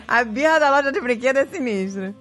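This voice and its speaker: A woman co-hosting a podcast, chatty and quick to agree and joke. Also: high voice, expressive, a bit bright, soft background music. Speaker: podcast co-host. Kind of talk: casual podcast conversation.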